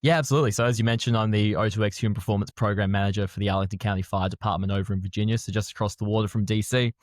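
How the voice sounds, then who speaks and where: A young adult man from Australia with an Australian accent, explaining his work as a podcast guest in a measured way. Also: on the low side, fairly even intonation, dry recording. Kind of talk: podcast interview.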